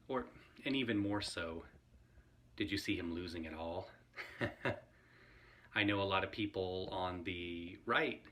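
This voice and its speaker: A man's voice: low voice, bright, forceful tone, slight background noise. A man vlogging casual commentary to camera, talking in a rambling, conversational way and often laughing.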